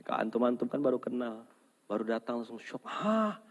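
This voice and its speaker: A man's voice: mid-range voice, fast, slightly rough. A man preaching a humorous sermon, joking and calling on the audience to respond. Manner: lively, jokes and calls on the audience to respond. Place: large hall with an audience. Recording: long hall reverb.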